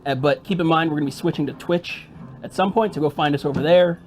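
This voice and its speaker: A man co-hosting a game stream in relaxed, chatty talk. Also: on the high side, quick pace, a little hiss or hum. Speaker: player and co-host. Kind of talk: casual chat.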